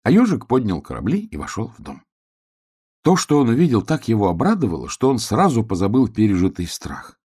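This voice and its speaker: A man narrating a children's storybook with expressive storytelling. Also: lowish voice, a little fast, breathy edge.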